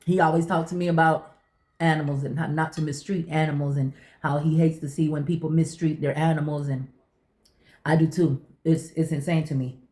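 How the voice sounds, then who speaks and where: Speaking briskly in a low, warm, steady voice, a woman vlogger tells personal stories in casual chit-chat. Repetition is her tool for emphasis, and the recording sounds echoey.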